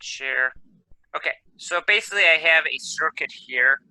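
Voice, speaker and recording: A man's voice: fairly high pitch, fairly quick, sharp tone, dry recording, low-quality recording. A man teaching an electronics class over a video call, talking casually and thinking aloud as he works the screen share. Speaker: electronics instructor. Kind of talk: live online class lecture.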